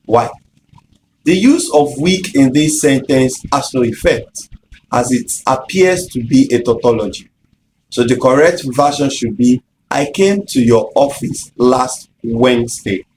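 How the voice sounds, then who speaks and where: A man teaching English grammar in a measured, explanatory way, speaking directly to viewers. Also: mid-range voice, expressive, a little mellow, slight background noise, poor audio. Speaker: English tutor. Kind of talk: scripted grammar lesson.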